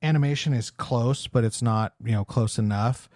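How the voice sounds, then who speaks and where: A man on a podcast with a medium-pitched voice, recorded dry and close. He lays out film trivia and ideas in a steady, explanatory way. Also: dry recording. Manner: explanatory, shares trivia in measured asides. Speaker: podcast co-host. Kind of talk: casual film discussion.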